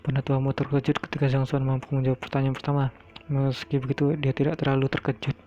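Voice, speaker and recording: Guy reading a web novel out loud, super flat, gravelly, muffled lo-fi sound. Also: mid-range voice, fast. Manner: monotone reading with small slips. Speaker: audiobook narrator. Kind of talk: reading a translated novel aloud. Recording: dull lo-fi recording.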